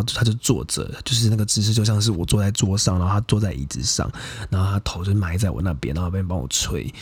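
A man's voice: lowish voice, breathy edge, no room sound. A young adult man, hosting a podcast and casually telling a personal story in a frank, profane, chatty way full of fillers. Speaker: podcast host.

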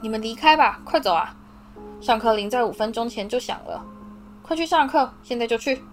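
A woman's voice: on the high side, fairly quick, soft background music, close to an everyday voice. A woman voicing a bossy teenage boy prefect who gives stern, commanding orders.

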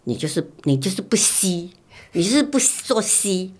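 Animated mother reminiscing. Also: medium pitch, normal speed, breathy edge. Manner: animated storytelling, repeats words, acts out her own past lines. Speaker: mother recalling her child's infancy. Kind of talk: casual family chat.

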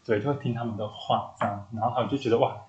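A man's voice: on the low side, racing, highs cut off. A man, co-hosting a podcast, telling a personal story in casual chat and acting out the quoted dialogue. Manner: animated storyteller who acts out quoted dialogue. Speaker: podcast co-host. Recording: echoey room.

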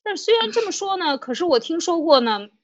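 A woman's voice: very high voice, big pitch swings, fairly quick, highs cut off. A woman podcast host retelling an old story in casual commentary, full of fillers and restarts, voicing quoted figures in her own voice.

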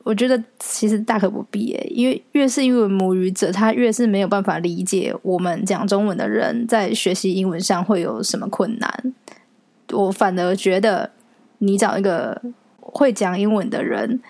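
A young Taiwanese woman hosts a solo podcast, chatting casually in Taiwanese-accented Mandarin. Her voice is medium-pitched at a normal speed, recorded dry. She tells stories in an animated way and laughs often.

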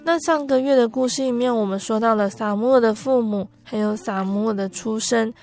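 A woman narrating a Bible story for a podcast in a gentle, unhurried storytelling manner with soft filler particles. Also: on the high side, soft background music.

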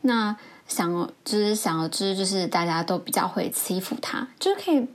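A woman's voice: animated, normal speed. A woman hosting a podcast, telling a story from her school days in a reflective way and acting out the people she quotes. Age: adult. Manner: reflective, acts out quoted voices with rising pitch. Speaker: podcast host. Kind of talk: storytelling a childhood memory.

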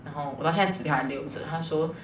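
A young woman, a guest telling a personal story in a rambling, lively way. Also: sits low, racing, noisy background. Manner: rambling, lively retelling with quoted dialogue. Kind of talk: casual storytelling in an interview. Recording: distant mic, roomy echo.

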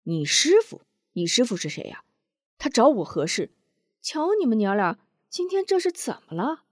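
A woman voicing a kindly old grandmother who speaks gently, with soft sighing asides, in a storybook tale. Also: fairly high pitch, very animated, normal speed, no echo, clean studio sound, voice pushed up. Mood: bewildered.

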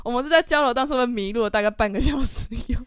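A woman's voice: a little high, rapid-fire, smooth, no room sound, clean studio sound. A young woman, co-hosting a podcast and teasing her partner playfully. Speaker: podcast co-host. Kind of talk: casual chat.

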